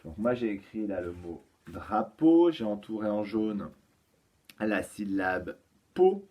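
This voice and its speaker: Male teacher, patient and slow, for small children, lots of hesitations. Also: lowish voice, very animated, mellow. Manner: patient, explains slowly with many fillers. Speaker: kindergarten teacher. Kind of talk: home-schooling lesson for young children.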